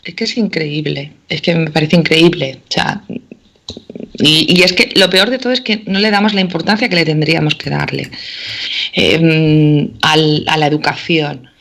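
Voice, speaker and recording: Bright-voiced woman chatting. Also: low voice, moderate pace, gravelly. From Spain. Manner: chatty, full of "o sea" and "¿vale?" fillers. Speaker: teacher and guest. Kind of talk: casual chat.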